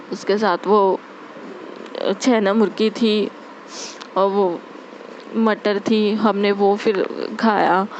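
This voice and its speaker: A young woman telling a heartfelt spiritual testimony, earnest and repetitive, with many pauses and fillers. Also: medium pitch, slight background noise. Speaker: devotee sharing a testimony. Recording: dull lo-fi recording.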